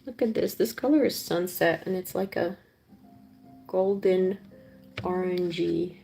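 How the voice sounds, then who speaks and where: An art streamer in her thirties hosts a live painting stream, chatting casually and gushing over her colors as she paints. Her voice is on the low side, unhurried and creaky, with a dark tone. Faint music plays in the background.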